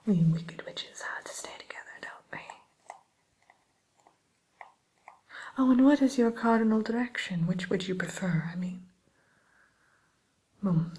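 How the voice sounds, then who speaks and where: A woman voicing a sly, sweetly courteous wicked witch tutor in a hushed, musing ASMR roleplay. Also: low-pitched. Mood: sly, businesslike. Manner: hushed, unhurried, hesitant musing, faux-genteel.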